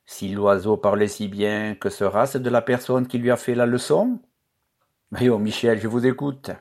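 A man reading aloud, voicing a mocking young village girl in a lively, teasing manner. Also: lowish voice, unhurried.

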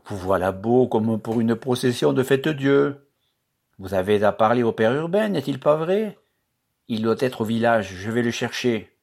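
A man's voice: medium pitch, normal speed, vocal fry. Man voicing a teasing young village girl. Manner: teasing, lively.

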